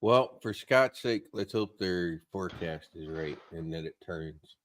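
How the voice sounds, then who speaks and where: A man's voice: sits low, measured pace. A man giving casual weather commentary on a live stream.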